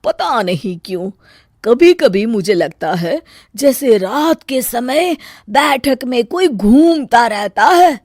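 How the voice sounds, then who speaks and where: A woman voicing a scheming, sharp-tongued middle-aged mother-in-law in a cartoon, sly and muttering asides. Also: fairly high pitch, expressive, slow, dry recording, clean studio sound. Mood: spooky. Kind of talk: cartoon dubbing.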